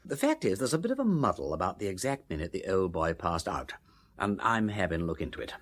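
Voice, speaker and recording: In a radio drama, a male actor plays a jaunty, inquisitive aristocratic sleuth, speaking in an upper-class English accent full of breezy, old-fashioned slang. His voice is low, very animated, and fast, with a breezy, affable mood.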